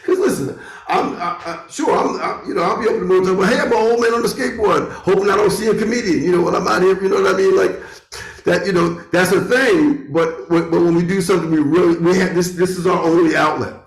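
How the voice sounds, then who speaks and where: Middle-aged male musician, conversational, halting and repetitive phrasing, fairly high pitch, echoey home studio. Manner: halting, repeats phrases as he reasons. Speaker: musician, guest. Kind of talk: casual chat. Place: bedroom turned home studio. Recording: roomy, echoing internet call audio.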